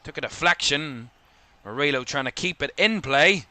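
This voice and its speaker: Calling a football match live, a young man with a Northern Irish accent speaks quickly and raises his voice during attacks. Fairly high-pitched and animated, he has a bright, forceful tone, captured in a dry recording.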